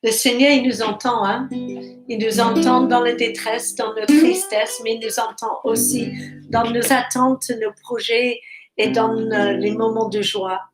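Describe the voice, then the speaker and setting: A woman's voice: fairly high pitch, steady tone, measured pace, over loud music, low-quality recording. A woman co-leading a church service, encouraging, with frequent amens and alleluias. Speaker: co-leader of the service. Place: church hall.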